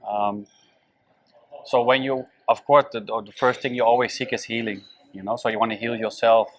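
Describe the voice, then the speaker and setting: A man from the Netherlands speaking as an interview guest. He talks at a middle pitch. His answers come hesitantly, with frequent fillers and restarts. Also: steady tone, moderate pace, poor audio. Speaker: guest, event volunteer.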